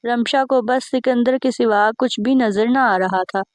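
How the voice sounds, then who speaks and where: A woman narrating a scripted family story in a steady, plain way. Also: a little high, a little slow, no echo.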